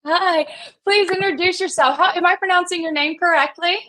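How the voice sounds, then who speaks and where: A woman's voice: very high voice, steady tone, a little fast, sharp tone. A woman hosting a live stream, upbeat and welcoming as she greets viewers and guests. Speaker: host.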